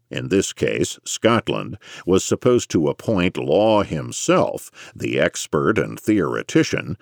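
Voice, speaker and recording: A man reading scholarly history narration in a measured, erudite lecturing manner with dry emphasis. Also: extremely low pitch, gravelly, dry recording. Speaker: audiobook narrator.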